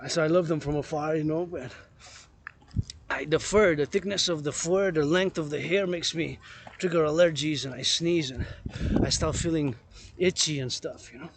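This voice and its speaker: This casual walking vlog features a man with a slightly high voice at a moderate pace, strolling outdoors among the trees of a park. He rambles and repeats his phrases over and over, almost like a chant. Clicks and noise run through the outdoor recording.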